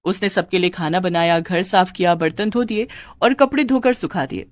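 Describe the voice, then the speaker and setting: A woman narrating a cartoon family story in a plain, even storytelling voice. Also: lowish voice, moderate pace, dry recording.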